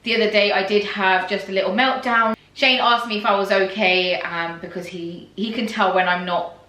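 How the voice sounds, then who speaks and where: A young woman talks casually to her viewers in a pregnancy vlog, rambling along with fillers and little laughs. Her voice is bright and clear. The room around her sounds echoey and bare. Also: medium pitch, fairly even intonation, moderate pace. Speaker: pregnancy vlogger. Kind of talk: casual vlog chat to camera.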